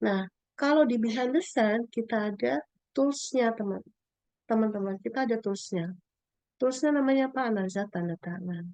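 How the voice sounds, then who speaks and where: Animated middle-aged woman, dry sound. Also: fairly high pitch, fairly quick, dry recording. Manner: animated, acts out quoted lines in a raised voice. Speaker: speaker sharing a personal story about inner wounds. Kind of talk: casual testimonial talk.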